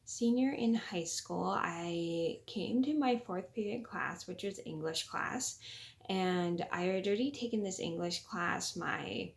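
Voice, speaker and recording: A young woman vlogger shares a casual story in a quiet, late-night voice, careful not to wake anyone. Her voice sits a little low and has a lot of creak. She speaks haltingly, often repeating and rephrasing herself. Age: young adult.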